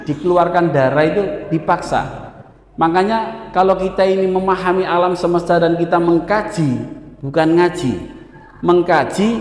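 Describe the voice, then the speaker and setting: Male preacher, lively, echoey mosque hall. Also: sits high. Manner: lively, addresses listeners as "Pak" often. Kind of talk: casual religious talk.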